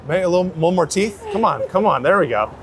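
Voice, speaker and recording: Interviewed outdoors on a city street, a street photographer talks casually with slangy, sweary phrasing. His voice is high-pitched, expressive and fast, heard over music along with traffic and street noise.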